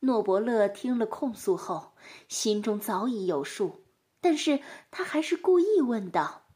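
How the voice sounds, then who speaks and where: Animated woman reading a storybook. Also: on the high side, a little slow. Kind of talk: storybook narration.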